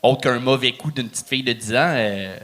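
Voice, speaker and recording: A man on a comedy show's judging panel giving hesitant, halting feedback to a contestant. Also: mid-range voice, fairly bright tone. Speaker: judge. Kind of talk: critiquing a contestant. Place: comedy club.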